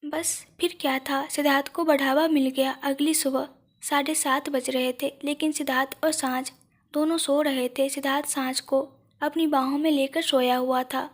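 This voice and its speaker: Woman narrator for an audio drama, calm steady reading, high and even pitch. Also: normal speed. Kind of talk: scripted audio story narration.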